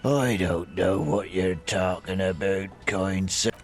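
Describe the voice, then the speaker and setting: Guy putting on a slow confused dude from the game, deep and draggy, music behind. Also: steady tone. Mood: bewildered.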